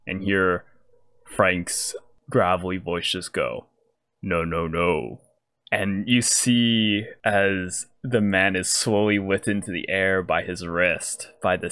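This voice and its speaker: A man narrating a tabletop game as game master, describing scenes in relaxed detail with frequent fillers. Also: sits low, clear, resonant tone, no echo.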